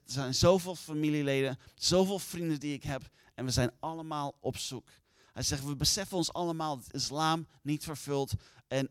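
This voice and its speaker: A man's voice: a little high, clean tone, no echo. A man preaching, telling a long story and acting out the voices of the people in it. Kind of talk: sermon storytelling.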